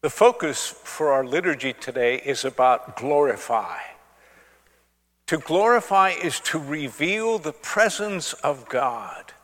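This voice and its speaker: Slow-speaking male priest in cathedral echo. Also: fairly high pitch, lively intonation, a bit bright. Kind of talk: liturgical Gospel reading and homily. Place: large church. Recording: long cathedral-like echo of large space.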